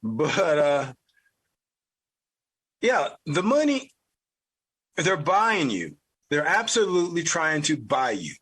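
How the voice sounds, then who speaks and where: Blunt Southern man, high bright voice. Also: sing-song, slow pace, long pauses, husky. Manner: blunt, profane ranting. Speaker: podcast host. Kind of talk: opinion commentary.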